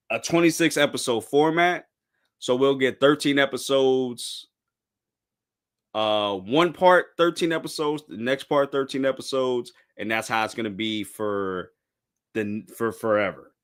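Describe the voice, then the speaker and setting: A podcast host in his thirties rambles through a casual anime discussion, drifting off topic, restarting his thoughts and saying "bro." His tone is bright and forward, his pitch jumps around a lot, and his delivery is relaxed and chatty.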